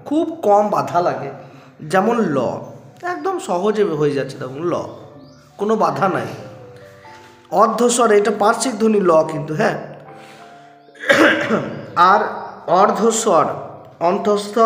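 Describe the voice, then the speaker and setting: A high-pitched male teacher speaks patiently, breaking the lesson into small steps and sounding out letters one at a time. The room rings with a long, echoey reverb, and soft music hums faintly underneath. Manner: patient, explains step by step, sounds out letters for the students. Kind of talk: recorded grammar lesson.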